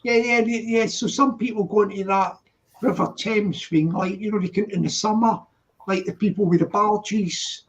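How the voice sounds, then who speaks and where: A man's voice: sits high, fairly even intonation, moderate pace. A man in casual, chatty conversation, repeating himself and often chiming in with agreement. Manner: chatty, repetitive, full of agreeing interjections. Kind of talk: casual chat. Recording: dull lo-fi live-stream audio.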